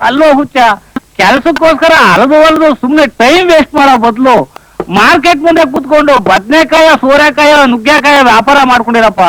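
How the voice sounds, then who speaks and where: A man's voice: extremely high pitch, a little fast, a bit bright, rough recording. An actor playing a henpecked middle-aged husband in a film comedy, lamenting his married life in a theatrical, self-pitying way with playful rhyming wordplay. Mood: comic lament. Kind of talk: 1980s Kannada film comedy acting.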